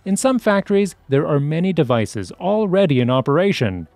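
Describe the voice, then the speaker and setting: A man reading a scripted news voice-over in a formal, even delivery. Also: a little high, normal speed, no echo, faint music behind. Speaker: news narrator.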